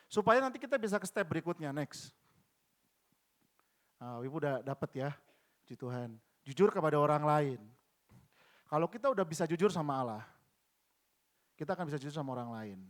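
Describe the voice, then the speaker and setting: A man preaching a casual, conversational sermon in church, often acting out other people's voices. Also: a little high. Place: church in West Jakarta.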